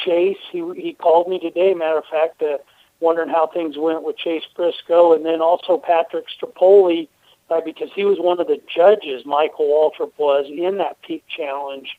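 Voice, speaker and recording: A man's voice: a little high, fairly even intonation, moderate pace, no echo. A man, a race team owner, talking through a radio interview by phone, explaining steadily with lots of "uh" fillers. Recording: tinny phone line.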